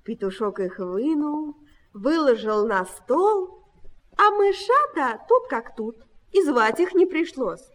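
A woman reading a children's fairy tale aloud in an expressive, sing-song storytelling manner. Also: high voice, slow, long reverb tail.

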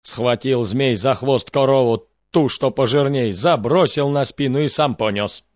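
A man telling a fairy tale in a measured, expressive storytelling voice. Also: medium pitch, dry recording, muffled recording.

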